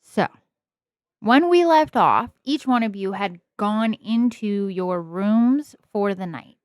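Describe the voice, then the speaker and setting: A woman running a tabletop game as game master, narrating in a relaxed, meandering way with many pauses. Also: mid-range voice, dry recording, studio quality.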